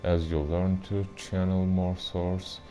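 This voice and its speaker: An actor voicing a disembodied divine voice, booming and magically amplified, speaking solemnly in a game. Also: male voice, level tone, slow pace, dark tone. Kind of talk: game voice acting. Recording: game audio with music behind.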